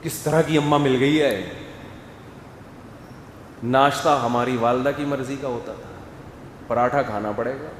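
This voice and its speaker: A man preaching a sermon, animated and acting out family scenes. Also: mid-range voice, long pauses, slight background noise. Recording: echoey hall, faint ambience.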